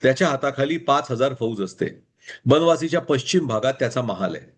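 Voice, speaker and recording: A man voicing a clever, teasing friend who mocks gently in a told story. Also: mid-range voice, expressive, brisk, natural voice. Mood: wry. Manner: wry, mocking.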